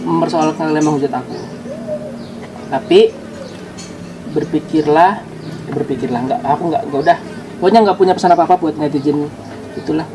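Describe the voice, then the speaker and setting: A man's voice: on the high side, creaky, background noise. A man talking to his viewers in a casual vlog, explaining himself defensively. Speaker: YouTuber.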